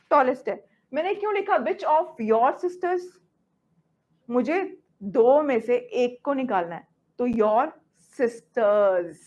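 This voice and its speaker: A woman's voice: sits high, darkish tone, muffled recording. A woman with an Indian English accent teaching a grammar lesson, often stopping to check that students follow. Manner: switches between Hindi and English, checks understanding often.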